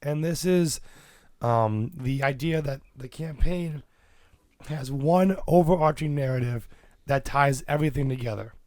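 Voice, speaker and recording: A man with a raspy, hoarse voice, talking through a subject in casual podcast chat. He speaks at an even middle pitch and keeps going steadily with fillers. The sound is dry and close. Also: unhurried, dry recording. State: hoarse from illness. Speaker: podcast co-host. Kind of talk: casual chat about tabletop games.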